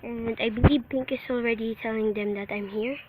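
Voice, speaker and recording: A woman's voice: a little high, fairly even intonation, brisk. A woman who sounds under the weather, giving casual commentary as host of a gaming video. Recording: noisy home recording with clicks.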